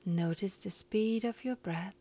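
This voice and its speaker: A woman guiding a breathing meditation in a calm, soft, often whispery voice, counting breaths. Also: medium pitch, unhurried.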